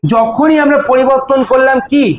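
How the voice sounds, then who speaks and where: Young male teacher, very high voice, coaxing students through drills; echoey classroom. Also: steady tone, moderate pace. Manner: prompting students by name, repeating words. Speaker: English teacher. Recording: echoey classroom, faint ambience.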